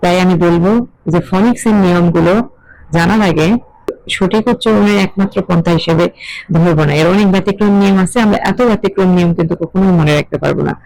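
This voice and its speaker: A middle-aged woman, explaining an English lesson in a measured, questioning way. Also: fairly low pitch, steady tone, creaky, darkish tone, no echo, low-quality recording. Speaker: English teacher.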